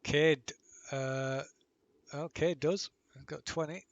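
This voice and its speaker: A man's voice: a little high, steady tone, slow pace, no echo, highs cut off. A man running a tabletop game as game master, talking in a hesitant way with many restarts.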